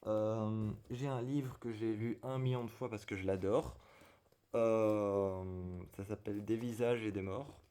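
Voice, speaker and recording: A man chatting casually in a halting vlog style, his voice strained and unwell like a zombie's from a lung problem, hesitating as he searches for words. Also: lowish voice, steady tone, dark tone, smooth. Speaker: video creator and fanfiction writer presenting to camera.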